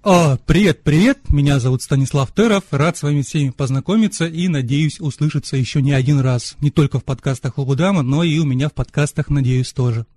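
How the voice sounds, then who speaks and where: A podcast guest calling in remotely from Moscow speaks briskly with few pauses, in a slightly high voice with a dark tone and no echo. In this casual conversation he is friendly and expansive, telling long stories.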